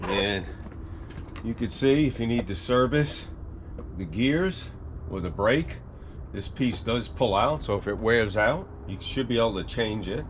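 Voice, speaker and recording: Speaking a little slowly, a man with a fairly low pitch and lively intonation is heard over a slight hiss or hum. He reviews gardening equipment for viewers, demonstrating it hands-on with casual, folksy talk.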